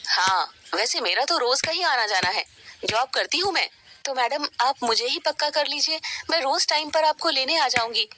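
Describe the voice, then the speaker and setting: A woman's voice: high voice, lively intonation, moderate pace, pushed and bright. A woman voicing a hardworking young daughter-in-law who speaks in an earnest, respectful way, in a noisy cartoon recording. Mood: polite.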